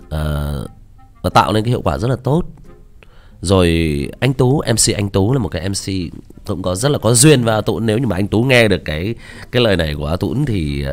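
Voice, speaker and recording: A man, a story narrator, chatting casually about his voice acting, hesitant with many fillers. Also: lowish voice. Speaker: audiobook narrator.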